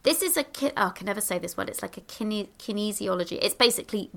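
Bubbly, bright-voiced woman giving advice. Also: medium pitch, expressive, fast, vocal fry. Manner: bubbly, exclamatory, chatty with many fillers. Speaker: podcast guest. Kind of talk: casual advice in conversation. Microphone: handheld microphone.

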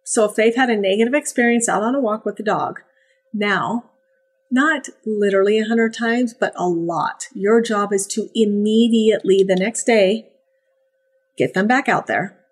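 A woman who breeds and trains puppies, chatting in a casual podcast, animated and sing-song when she acts out praise and puppy voices. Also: medium pitch, normal speed, slightly rough.

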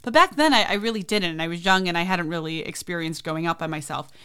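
A woman recounting her own story on her podcast. Her voice sits a little low and sounds smooth and clear. She talks in a loose, chatty way and slips into lively quoted voices. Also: fast. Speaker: podcast host. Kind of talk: casual storytelling.

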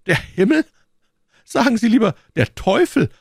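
A man's voice: a little high, normal speed, gravelly, no echo, studio quality, pitched above the performer's own voice, exaggerated voice. A man voicing a fretful, pleading innkeeper in an audiobook reading. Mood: indignant. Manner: whiny and excitable. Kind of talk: audiobook character voice.

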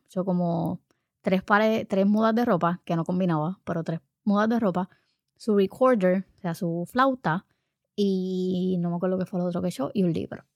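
A woman's voice: medium pitch, darkish tone, no echo, clean studio sound. A woman. She tells a family story casually from her living room and acts out the people she quotes. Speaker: mother telling a family story. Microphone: home recording set.

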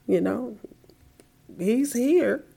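A middle-aged woman giving a heartfelt personal faith testimony in an interview, soft-spoken and at times dropping to a whisper. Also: on the high side, animated, extremely slow, gravelly.

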